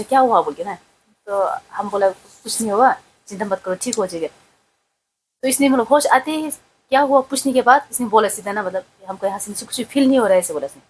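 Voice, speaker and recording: A woman's voice: medium pitch, a little hiss or hum, rough recording. A woman recounting a family accident in a rambling, emotional way, full of fillers. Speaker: wife of the vlogger. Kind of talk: casual storytelling.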